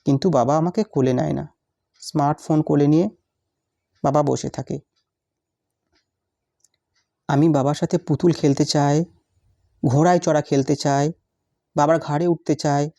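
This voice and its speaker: A woman's voice: deep voice, steady tone, normal speed, creaky, long pauses, dark tone. A woman reciting as a lonely little schoolgirl. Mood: plaintive. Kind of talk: recited written story.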